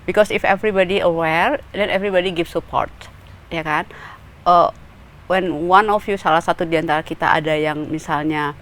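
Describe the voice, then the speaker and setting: A woman hypnotherapist answering interview questions thoughtfully, pausing often and mixing in English phrases. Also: lowish voice, steady tone, fairly bright tone.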